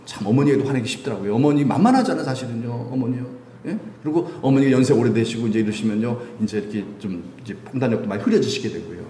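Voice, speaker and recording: A middle-aged male pastor preaching a sermon in a church, lively and humorous, often asking the congregation questions. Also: medium pitch, racing, a little hiss or hum. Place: church sanctuary. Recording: echoey room, faint ambience.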